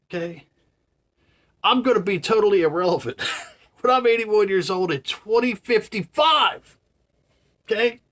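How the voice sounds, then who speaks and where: A man's voice: sits high, expressive, unhurried, pauses often, fairly bright tone. A man in his forties talking in a casual, rambling monologue, full of "you know" and "man", with earnest, marvelling emphasis. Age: 40s. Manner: chatty, filler-heavy, says "man" and "you know" a lot. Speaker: vlogger.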